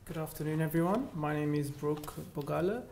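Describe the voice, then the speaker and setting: A man's voice: on the high side, fairly quick, a little mellow, a little hiss or hum. A man in his twenties, born in Ethiopia, telling his own story as a student guest speaker at a lecture, in an informal way with many fillers and restarts. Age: 20s. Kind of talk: personal account at a lecture. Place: large lecture theatre. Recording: echoey lecture hall.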